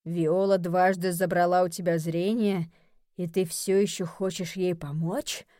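Grave, slow-spoken bleating storybook creature, male, voiced by a woman reader. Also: lowish voice, steady tone, mellow, no echo, studio quality, natural voice. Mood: solemn.

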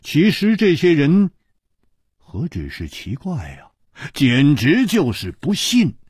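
Man doing a calm, wry hero swordsman. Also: husky, no echo, heavily acted. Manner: low, measured, dry.

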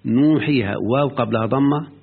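A man's voice: medium pitch, a little fast, gravelly, slightly rough. A man with an Egyptian Arabic accent explaining a grammar book to a student, often stopping to check that the student has understood. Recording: lo-fi phone-like recording.

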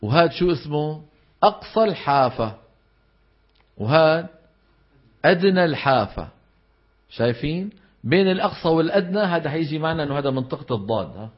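A man's voice: fairly high pitch, animated, a little fast, pauses often. A man with a Levantine Arabic accent teaching Quran recitation in a classroom lecture, putting questions to the class and answering them himself and stressing the exact vowels of terms. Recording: dull lo-fi lecture recording.

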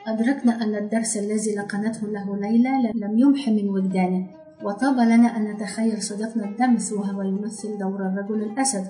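A woman reading a literary novel aloud in a measured, even storytelling manner. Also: mid-range voice. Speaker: audiobook narrator. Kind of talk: scripted literary narration. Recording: roomy echo, faint background music.

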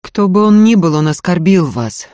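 An impulsive young man, a student, gallant and earnest, quick to flare up and quick to apologise, as a reader puts him on. Read close and dry, in the even register of a storyteller. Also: medium pitch, no echo, voice pushed up, natural voice. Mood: ardent. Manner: earnest, ardent, stammering apologies. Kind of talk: audiobook character voice.

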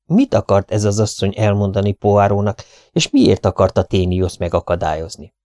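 Male first-person audiobook narrator, lowish voice, steady questioning delivery, dry close sound. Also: dry recording. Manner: steady, questioning inner monologue.

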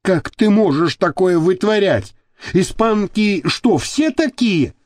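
A nervous thug pleads and hisses in a low, hushed voice, as a male narrator plays him. The sound is dry and close, with no room around it. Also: lively intonation, slow pace, dry recording.

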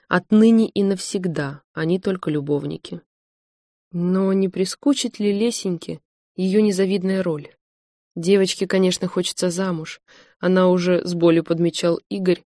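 Low-voiced woman reading a novel. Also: warm tone, dry recording, studio quality. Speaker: audiobook narrator. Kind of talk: scripted narration.

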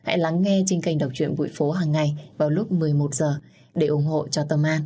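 A woman's voice: sits low, steady tone, brisk, dark tone, slightly rough. A woman hosting an audiobook channel, greeting listeners formally with a few fillers before narrating a story.

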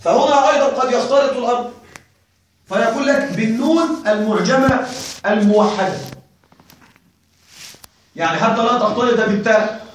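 A man teaching a classroom lesson, questioning his listeners often and slowing down to spell out word forms. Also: very high-pitched, very echoey, recorded from a distance, a little hiss or hum, low-quality recording. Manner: checks on listeners with frequent questions; slow and deliberate when spelling out word forms. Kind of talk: classroom lecture on Arabic grammar.

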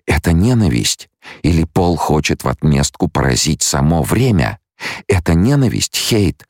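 A man voicing an anguished, imperious young noblewoman with visions, in an audiobook; she speaks in a sharp, pleading, breathless way. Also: a bass voice, sing-song, unhurried, no echo, clean studio sound, voice pushed up, full character voice. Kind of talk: audiobook character voice.

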